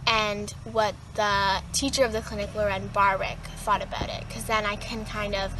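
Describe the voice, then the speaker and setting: A woman's voice: medium pitch, flat delivery, moderate pace. A woman rider casually recapping her own experience. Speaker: horse rider. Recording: distant mic, music behind the voice.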